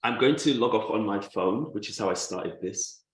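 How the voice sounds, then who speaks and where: A man's voice: fairly low pitch, moderate pace, roomy sound, poor audio. A man, a bit out of breath, introducing a guest speaker in a chatty way over a video call. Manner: chatty, laughs easily, restarts phrases.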